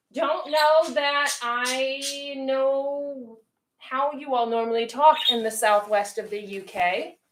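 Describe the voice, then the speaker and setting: A woman's voice: high voice, bright, forceful tone, echoey room, recorded from a distance, low-quality recording. Chatty woman livestream host from the northeastern US. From northeastern United States. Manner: chatty, talks straight to viewers and chat; says she talks fast. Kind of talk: casual livestream chat.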